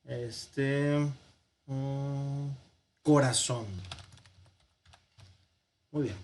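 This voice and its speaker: A man with a Mexican Spanish accent teaching a language lesson, slow and patient, thinking aloud with pauses. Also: mid-range voice, steady tone. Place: parish classroom or home office.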